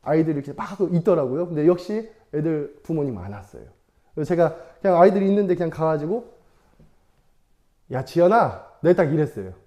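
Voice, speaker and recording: Young male evangelist, relaxed talky sermon to kids; warm, mellow, animated delivery. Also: fairly high pitch, quick pace. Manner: chatty, playful, laughs often; asks the audience questions. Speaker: evangelist preaching to children. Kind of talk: casual sermon with storytelling.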